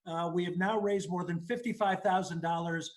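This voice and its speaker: High-voiced man hosting a fundraiser. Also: steady tone, moderate pace. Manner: upbeat announcer, donation appeals. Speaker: radio host.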